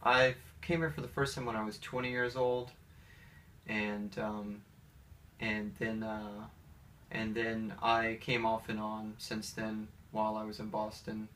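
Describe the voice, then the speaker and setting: With a level tone and an unhurried pace, an American man in his thirties from Atlanta speaks in a lowish, fairly bright voice. He's a pianist being interviewed, and his replies are casual, hesitant, rambling and personal. The recording comes from a distant mic and carries faint background noise.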